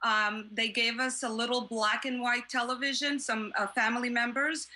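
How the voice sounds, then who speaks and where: A woman born in Cuba and raised in New York talks over a video call about the movies she loves. Her voice is bright and fairly high for a woman. She answers eagerly but pauses often with fillers. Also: fairly even intonation. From born in Cuba, grew up in New York. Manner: hesitant with many fillers, enthusiastic. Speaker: guest, classic film fan. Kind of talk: casual interview answers.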